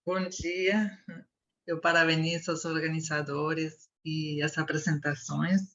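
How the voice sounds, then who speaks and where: A woman's voice: deep voice, flat delivery, measured pace, a bit bright. A woman in her fifties from Argentina, giving a thoughtful comment in an online discussion and searching for her words. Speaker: meeting participant. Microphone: video call. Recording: muffled video call audio.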